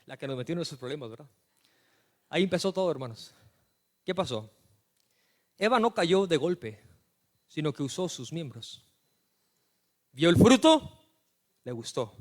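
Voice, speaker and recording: High-voiced male pastor preaching, storytelling, goes from quiet asides to loud punchy lines. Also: a little slow, pauses often. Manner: storytelling, animated, swings from hushed asides to loud emphatic lines. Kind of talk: sermon.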